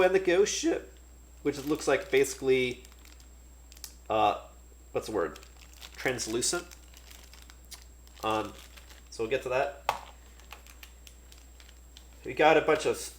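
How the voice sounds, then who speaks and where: A man casually talking through a board game unboxing, relaxed and thinking aloud with many fillers. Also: mid-range voice, unhurried, pauses often, roomy sound.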